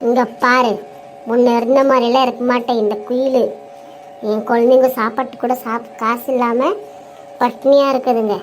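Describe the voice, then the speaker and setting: A woman's voice: a little high, little pitch movement, moderate pace, faint music behind. A woman voicing a struggling, weary mother in a cartoon story, speaking earnestly and sometimes tearfully.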